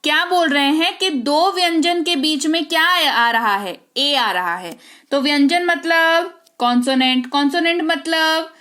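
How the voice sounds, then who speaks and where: A woman with a high voice teaches an English spelling lesson. She speaks patiently, slowing down to repeat each example word. She keeps checking that her students follow. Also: bright, forceful tone. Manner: patient, repeats words slowly and checks in with "ठीक है?".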